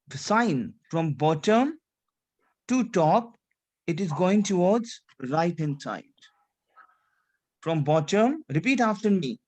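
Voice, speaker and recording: With a mid-range voice, a French teacher leads an online class in English peppered with French phrases and a touch of Hindi. They often repeat phrases and keep asking "C'est clair? D'accord?" to make sure everything is clear.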